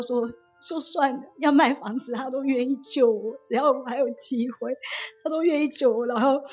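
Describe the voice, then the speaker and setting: A young woman recounts her own story. Her voice sits fairly high and has a husky, breathy edge, and she jumps into the voices of people she quotes. The recording is dull and lo-fi, with faint music behind her. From Taiwan. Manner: animated, acting out quoted speech. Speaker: nurse sharing her testimony as a guest. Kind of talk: personal testimony storytelling.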